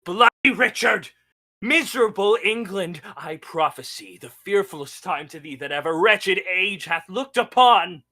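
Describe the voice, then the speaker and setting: A student actor playing a trusting, rueful English lord in a Shakespearean radio play, declamatory and measured. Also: medium pitch, animated, sharp tone. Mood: bitter, prophetic.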